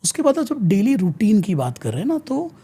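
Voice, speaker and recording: An Indian man speaks as an interview guest, explaining ideas in an earnest, teacherly way. His voice is husky and mellow, and his pitch rises and falls a great deal. He switches freely between Hindi and English. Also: huge pitch swings, fairly quick.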